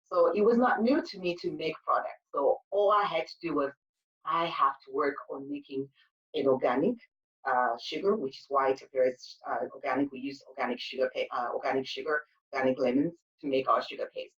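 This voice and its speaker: Recorded on a distant mic with muffled sound, a woman from Zimbabwe speaks briskly in a low-pitched voice. As an interview guest who owns a spa and makes sugar paste, she answers in an earnest, storytelling manner full of fillers.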